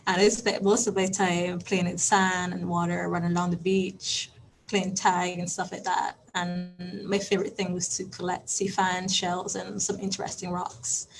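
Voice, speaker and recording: A woman's voice: lowish voice, slight background noise, rough recording. A young Barbadian woman telling about her childhood as a guest speaker, chatty and friendly. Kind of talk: personal storytelling talk.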